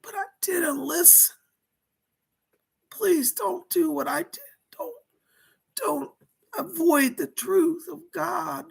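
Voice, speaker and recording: A woman as a seance medium in trance, voicing a remorseful, frightened dead male mobster in a husky, halting, anguished way that slips into whispers. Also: very high-pitched, pitched above the performer's own voice, full character voice. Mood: regretful, confessional. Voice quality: husky, breathy, creaky. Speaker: seance medium channeling a spirit. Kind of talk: seance medium trance channeling, dramatic first-person confession.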